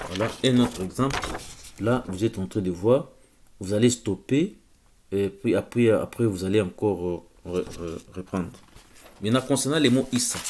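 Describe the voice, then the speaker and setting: A man's voice: lowish voice, a little mellow, a little hiss or hum. A man giving an informal spoken lecture, hesitant, often repeating words and checking that listeners follow. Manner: insistent, stresses key words. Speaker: religious lecturer.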